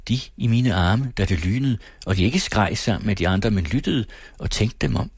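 A man's voice: lowish voice, lively intonation, breathy edge, no echo, clean studio sound. A man reading aloud, voicing a brooding young man who speaks earnestly and hesitantly.

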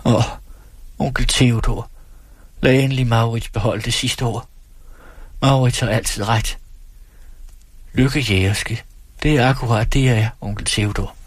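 A man reading aloud, voicing a playful, clinging young woman in a lifted, softer voice. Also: mid-range voice, fairly even intonation, long pauses, slightly rough, dry recording, natural voice. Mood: pleading.

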